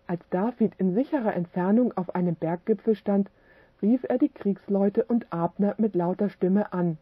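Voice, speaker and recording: Woman narrator, religious book reading, measured pace, dry tinny audio. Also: medium pitch, slightly rough, dry recording.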